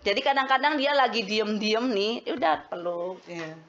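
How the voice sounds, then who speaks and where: A woman's voice: medium pitch, lively intonation, normal speed, a bit bright. Woman giving a parenting talk, lo-fi. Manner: explanatory, addresses mothers as Bun. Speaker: parenting speaker.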